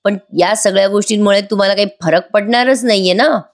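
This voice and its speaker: A defiant grown son, sarcastic and rude toward his parents, voiced by a woman reviewing a TV serial. He retorts in quick, cutting lines. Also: medium pitch, natural voice. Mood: stubborn.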